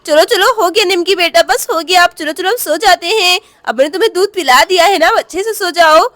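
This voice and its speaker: A woman's voice: extremely high pitch, brisk, pushed and bright. A woman voicing a tired young village mother in a doll story, talking in a sleepy, pleading way.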